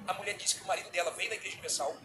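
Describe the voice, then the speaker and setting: A middle-aged man with a Brazilian Portuguese accent preaching a sermon as a bishop, animated, acting out little dialogues. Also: sits high, very fast, noisy background.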